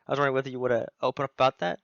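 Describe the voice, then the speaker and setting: A man's voice: mid-range voice, little pitch movement, very fast, gravelly, a bit bright, no room sound. A man from Wales hosting a casual video interview, talking hesitantly with lots of fillers and restarts. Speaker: host. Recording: dull lo-fi sound.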